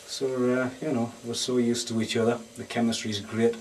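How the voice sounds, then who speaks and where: A man's voice: medium pitch, little pitch movement, normal speed, darkish tone. A man with a Northeast English accent, a band guitarist chatting easygoing and rambling in a casual interview at a lounge bar. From Sunderland, England. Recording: distant mic, faint room noise.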